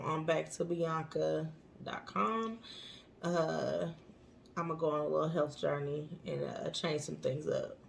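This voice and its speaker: A woman's voice: deep voice, vocal fry, a bit bright, a little hiss or hum. A woman in her late thirties co-hosting a podcast in casual chat, matter-of-fact and teasing. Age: late 30s. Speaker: podcast co-host.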